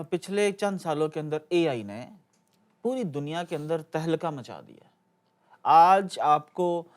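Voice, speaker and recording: A man hosting a podcast, asking his guest lively, prompting questions. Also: on the high side. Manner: prompting, lively questions, short backchannel hums. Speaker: podcast host. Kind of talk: interview questions.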